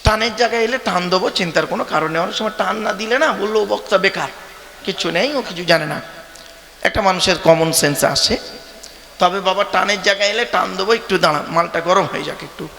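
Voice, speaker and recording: A man's voice: high-pitched, brisk, pushed and bright, a little hiss or hum. A man preaching a sermon at a religious gathering, talking conversationally and quizzing the crowd directly. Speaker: Islamic preacher. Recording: long reverb of a large venue.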